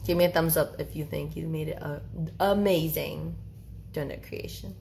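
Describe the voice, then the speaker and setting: A woman's voice: sits low, steady tone, moderate pace, gravelly, warm tone, a little hiss or hum. A woman filming her kids at home in a casual family video, playful and teasing, often laughing as she talks.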